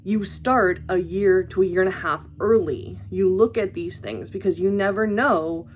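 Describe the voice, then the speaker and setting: A woman's voice: medium pitch, moderate pace, a little hiss or hum. A young adult woman talking casually to camera in a vlog, chatty and reflective, with many fillers. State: hiccups. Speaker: vlogger.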